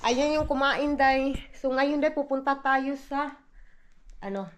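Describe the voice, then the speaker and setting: A woman's voice: sits high, unhurried, reverberant. A middle-aged Filipino woman with a Visayan accent, chatting casually to her viewers in a home vlog and mixing English into her talk. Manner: chatty, keeps calling viewers "day", mixes English into Tagalog. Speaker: vlogger, stay-at-home mom. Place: family home indoors.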